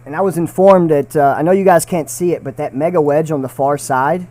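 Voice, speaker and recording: A man gives casual live commentary on an airsoft match, repeating himself and restarting phrases as he goes. His voice is on the high side, a little mellow, and brisk. He's in a small side room near the field, speaking into a shared desk mic.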